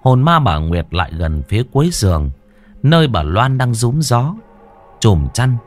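A man narrating a scripted horror story in a dramatic, drawn-out storytelling manner. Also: mid-range voice, sing-song. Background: faint music.

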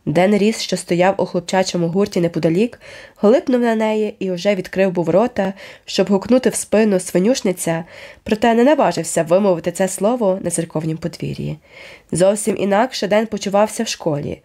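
Woman narrating an audiobook, warm mellow voice, steady and expressive. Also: mid-range voice. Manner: measured, expressive storytelling. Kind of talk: scripted narration.

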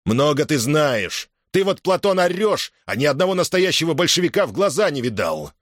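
A man reading an audiobook, voicing a fiery young frontline soldier who addresses a crowd with loud, forceful oratory. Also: on the high side, very animated, moderate pace, no echo, studio quality, voice pushed up. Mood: defiant.

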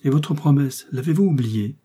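A man's voice: medium pitch, fairly even intonation, normal speed, warm tone, slightly rough, pitched above the performer's own voice, close to an everyday voice. A man reading aloud, voicing a tender, anxious young woman with a pleading, trembling manner. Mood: hurt.

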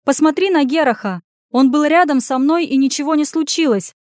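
A tough, sharp-tongued young heroine, read by a woman in a storybook. She talks in brusque, commanding bursts in a raised, fairly high voice. The sound is close and dry. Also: brisk, dry recording, lightly acted. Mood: urgent.

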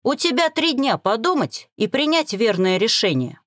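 A woman's voice: fairly high pitch, sing-song, normal speed, a bit bright, no room sound, studio quality, voice pushed up. Woman reading as a growling domineering male chief. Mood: commanding. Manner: growling, curt, demanding.

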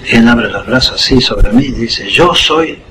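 Older man slowly telling a personal story. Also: medium pitch, fairly even intonation, background noise. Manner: unhurried storyteller, acts out the scene with short asides. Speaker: interview guest. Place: school radio studio.

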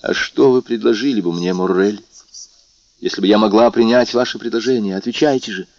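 A man's voice: lowish voice, a little fast, darkish tone, dry recording, dull audio, natural voice. A man reading aloud and voicing a distressed young woman torn by duty, pleading and agitated.

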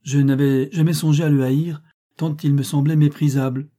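A man reading the lines of a brooding, bitter middle-aged gentleman in a slow, declamatory way. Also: on the high side, flat delivery, voice pushed up, lightly acted. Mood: recounting.

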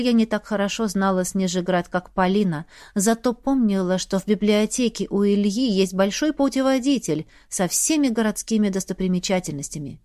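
A woman narrating a first-person audiobook in a steady storytelling manner. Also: fairly high pitch, no room sound, clean studio sound.

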